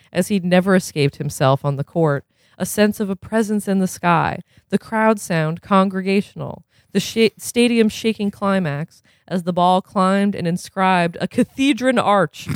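A man's voice: sits high, dry recording, studio quality. A man, as a podcast host, reads a novel aloud expressively and then breaks off for casual chat full of fillers.

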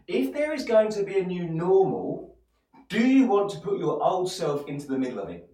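A man's voice: high voice, very animated, moderate pace, mellow. A man from Essex with an Essex accent giving an encouraging motivational sermon as a pastor, speaking straight to listeners with rhetorical questions and repeated phrases. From Essex, England. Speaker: church pastor. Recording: echoey room, distant microphone.

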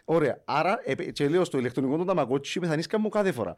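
Excitable Cypriot Greek man, very lively pitch. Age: 30s. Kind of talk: casual comedic podcast chat.

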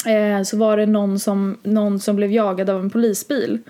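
A woman's voice: mid-range voice, flat delivery, warm tone. Young woman rambling through a story. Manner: rambling, many fillers like "liksom" and "typ". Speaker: podcast co-host. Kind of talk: casual chat, storytelling.

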